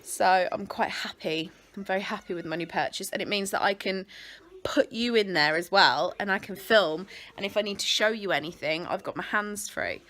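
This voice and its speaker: A woman's voice: mid-range voice, normal speed, fairly bright tone. Chatty woman vlogging from home. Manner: rambling, chatty, self-interrupting. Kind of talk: casual chatty vlog. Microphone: phone camera clipped on a window ledge.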